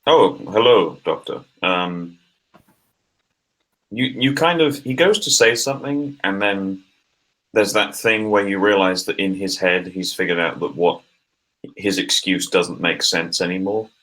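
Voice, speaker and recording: A man with a low voice and a bright, forceful tone plays a tabletop game. He describes his character in a wordy, playful way. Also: unhurried, low-quality recording. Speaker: player. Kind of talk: casual tabletop role-play.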